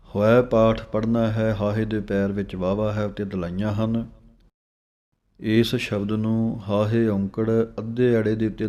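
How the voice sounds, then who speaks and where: A man teaching scripture recitation. He chants verses slowly with pauses and gives plain spoken instructions on pronunciation. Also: fairly low pitch, mellow.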